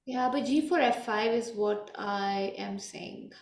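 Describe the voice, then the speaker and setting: A woman's voice: medium pitch, slow, vocal fry, reverberant. A woman in her late twenties co-hosting a live chess stream, chatting casually and laughing often. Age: 20s. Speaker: chess commentator co-host. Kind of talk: casual chess commentary chat. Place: room at home.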